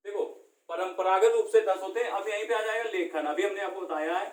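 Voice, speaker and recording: A man's voice: high voice, fairly even intonation, a little fast. A man teaching a classroom lesson, asking questions and answering them himself. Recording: echoey room, far from the mic.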